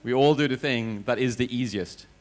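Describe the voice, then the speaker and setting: A man answering questions as a panelist on a conference stage. He speaks in a measured, reflective way, with hesitations and self-corrections. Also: mid-range voice. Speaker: company CEO and panelist.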